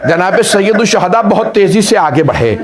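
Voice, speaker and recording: A man's voice: high-pitched, lively intonation, moderate pace, a loud crowd. A man preaching, narrating a mourning story with passion and often calling his listeners brother. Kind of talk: emotional sermon narration.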